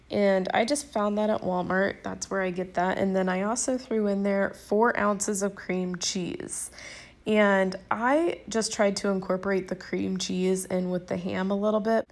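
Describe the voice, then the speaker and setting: A woman's voice: medium pitch, steady tone, a little slow. A woman with a Southern US accent, a cooking vlogger, giving a chatty, upbeat voice-over and talking straight to her viewers. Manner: chatty, upbeat, addresses viewers as "you guys". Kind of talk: casual voice-over narration.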